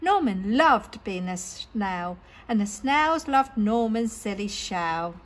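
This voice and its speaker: A woman reading picture books aloud to children in an animated, dramatic way. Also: mid-range voice, slow. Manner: animated, dramatic, with exclamations and sound words. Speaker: children's storyteller at a library story time. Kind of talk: expressive picture-book read-aloud.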